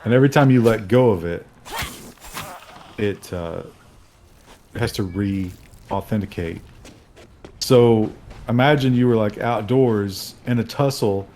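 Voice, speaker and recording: Low-voiced male game streamer. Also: unhurried, long pauses, mellow, a little hiss or hum. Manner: casual, chatty, explanatory. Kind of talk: live gameplay commentary.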